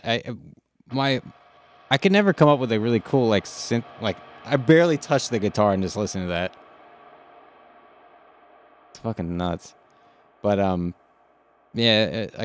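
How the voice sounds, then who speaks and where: A man streaming from his home studio, chatting casually with his audience, laid-back and rambling, swearing often. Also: fairly low pitch. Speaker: music streamer. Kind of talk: casual live-stream chat.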